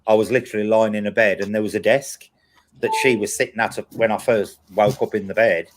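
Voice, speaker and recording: A man with a fairly deep voice hosts a casual chat. He tells personal anecdotes in a blunt, repetitive way, as if talking to regular followers. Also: steady tone, fairly quick, noisy background. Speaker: host of a paranormal live chat.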